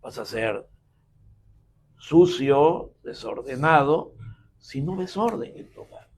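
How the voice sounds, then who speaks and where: A man on a talk show panel, explaining slowly and emphatically and often checking in with his listeners. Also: medium pitch, expressive, a little mellow, a little hiss or hum, rough recording.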